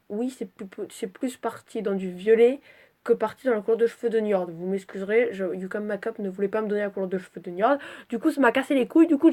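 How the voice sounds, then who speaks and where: Chatty woman vlogger with a cold. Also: fairly high pitch. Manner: chatty and scattered, swears freely. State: stuffy from a cold. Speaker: vlogger presenting her character drawings. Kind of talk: casual rambling vlog.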